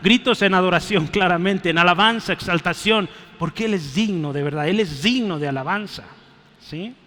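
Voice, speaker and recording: A man preaching a sermon in a church, fervent, often rising to loud exclamations and checking in with his congregation. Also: sits high, moderate pace. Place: church sanctuary. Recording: echoey church hall.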